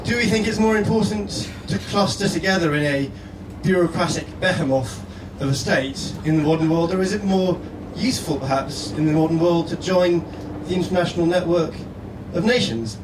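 With a moderate pace and few breaks, a man from Scotland whose voice is slightly high gives a prepared persuasive address, reading his letter aloud as guest speaker at a live indoor stage event. His manner is earnest and rhetorical. The sound is echoey, distantly miked, and underlaid by steady noise.

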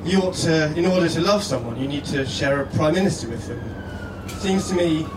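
A Scottish man, serving as a guest speaker, reads a prepared persuasive letter aloud at an indoor live stage event, his delivery earnest and rhetorical. His voice is slightly high and moves at a normal speed. The recording has an echoey room, a distant mic, and constant background noise.

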